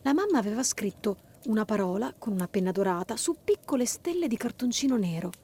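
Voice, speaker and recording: A woman reading a children's story aloud, lively and expressive. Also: a little high, fairly quick, breathy edge.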